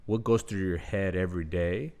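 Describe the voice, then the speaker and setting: Man, low voice, podcast host, relaxed, rambling chat. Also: moderate pace. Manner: relaxed and rambling, many fillers. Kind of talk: casual podcast conversation.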